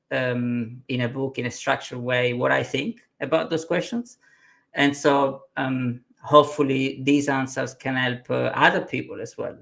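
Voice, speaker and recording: A man in his forties from southern Italy with an Italian accent, a consultant telling his story as a webinar guest in a thoughtful, unhurried way. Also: medium pitch, vocal fry, a bit bright. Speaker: consultant and author. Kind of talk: guest interview on a live webinar.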